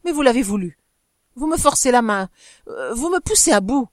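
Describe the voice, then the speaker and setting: A woman doing a loud, sneering nobleman husband. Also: mid-range voice, fairly quick, dry recording, clean studio sound, close to an everyday voice. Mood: blustering. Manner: loud, sneering and stammering in anger. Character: jealous blustering nobleman husband, boorish.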